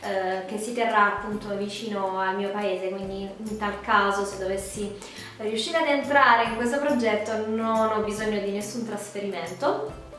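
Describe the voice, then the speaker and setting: A woman's voice: mid-range voice, moderate pace, a bit bright. A woman, chatting casually to camera with a cold, her voice nasal and duck-like. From Puglia, southern Italy. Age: 20s. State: congested from a cold, sore throat, duck-like nasal voice. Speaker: vlogger. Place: small bedroom indoors. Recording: very echoey room, music behind. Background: music.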